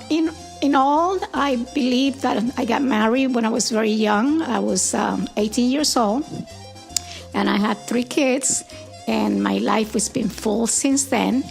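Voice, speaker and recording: An older woman in her seventies with a deeply gravelly, creaky voice that sits a little high. She recalls her life unhurriedly, pausing now and then to find the words, with soft music faint behind her. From Puerto Rico. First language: Spanish. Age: 70s. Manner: gentle, unhurried, with thoughtful pauses and "uh"s. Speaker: interviewee, grandmother. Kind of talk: reflective storytelling.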